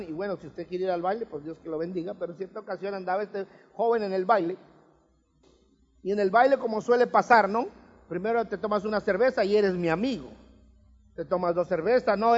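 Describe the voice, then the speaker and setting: Male preacher with a very high voice, emphatic and humorous, in an echoing church hall. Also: brisk. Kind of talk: sermon. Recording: reverberant hall, dull lo-fi sound.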